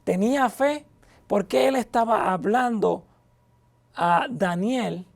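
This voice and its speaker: A man's voice: high-pitched, takes it slowly, vocal fry. A man teaching a verse-by-verse Bible study, reading scripture aloud and then explaining it with rhetorical questions.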